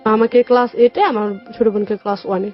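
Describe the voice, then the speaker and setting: This radio interview guest is a young woman with a Bangladeshi Bengali accent whose fairly high voice moves quickly with fairly even intonation. She tells her life story colloquially, slipping into dialogue to retell conversations. Music plays beneath the dull, lo-fi radio recording.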